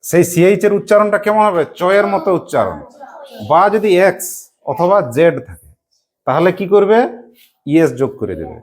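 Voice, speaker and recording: A woman teaching an English grammar lesson to a class, asking quick questions and spelling words out letter by letter. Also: fairly low pitch, very animated, darkish tone.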